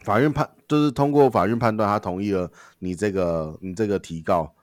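A man's voice: fairly low pitch, brisk, no echo, clean studio sound. A man co-hosting a podcast in casual discussion, questioning and rephrasing the points. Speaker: podcast co-host.

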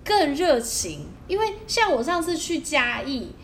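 A woman co-hosting a casual podcast, telling everyday anecdotes in an animated way. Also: sits high, a little slow, a little hiss or hum. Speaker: podcast co-host. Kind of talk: casual chat, storytelling.

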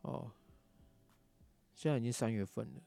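A man's voice: mid-range voice, normal speed, creaky, mellow, faint music behind. A man with a Taiwanese Mandarin accent, angrily ranting in a casual monologue, swearing often. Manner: angry ranting, heavy swearing. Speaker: podcast host.

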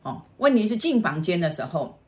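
A middle-aged woman with a Taiwanese Mandarin accent tells a ghost story in a casual, vivid way. Her voice sits low and she often stops, restarts and repeats words as she builds the scene. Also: sing-song, brisk, a little mellow. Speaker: storyteller, the host's mother.

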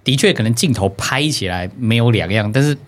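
A woman's voice: a bass voice, expressive, a little fast. A woman hosting a casual chat, playful and full of short backchannel replies. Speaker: podcast host.

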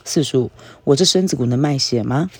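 A man's voice: mid-range voice, a little fast, creaky, breathy edge, dry recording. Man doing a cheeky young village man, curious, questioning, read-aloud story, dry sound.

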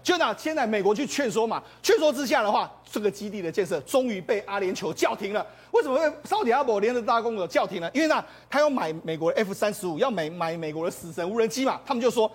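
A man's voice: sits high, expressive, fast, few pauses, breathy edge. A man giving emphatic political analysis on a TV talk show, acting out others' words with interjections. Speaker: political commentator. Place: TV studio.

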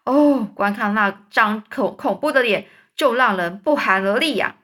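Bright woman reading stories to kids. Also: medium pitch, normal speed. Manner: explains hard words along the way, lively. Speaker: storyteller for children. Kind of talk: reading a children's book aloud.

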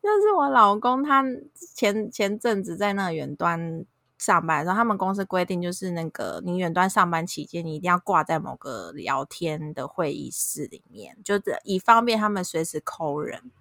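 A woman, co-hosting a casual chat and telling animated stories with frequent laughter. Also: fairly low pitch, moderate pace, dry recording, clean studio sound. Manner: animated storyteller, laughs often. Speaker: podcast co-host.

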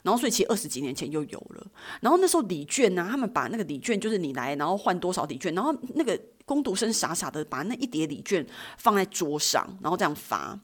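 A middle-aged woman tells a personal work story as a podcast host, animated and acting out both sides of the dialogue. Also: lowish voice, quick pace. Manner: many fillers and restarts. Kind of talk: casual storytelling monologue.

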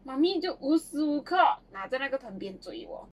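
High, lively woman. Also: fairly quick, dull audio. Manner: animated, laughs often while telling stories. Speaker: podcast co-host. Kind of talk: casual chat, childhood storytelling.

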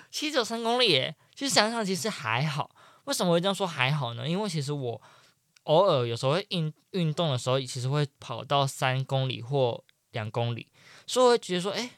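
Young guy rambling through a story, kinda high voice, gets loud then drops to a mumble, super dry close mic. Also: a little fast, dry recording. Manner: animated, chatty, jumps between loud excitement and quiet mumbling. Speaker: podcast host. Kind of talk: casual storytelling monologue.

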